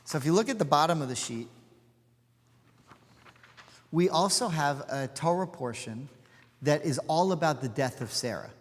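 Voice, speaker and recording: A forties-aged rabbi teaches an informal class in a synagogue hall, his fairly high voice animated and moving at a moderate pace with frequent pauses. He digresses a lot, adding asides and fillers, all under the hall's long reverberation.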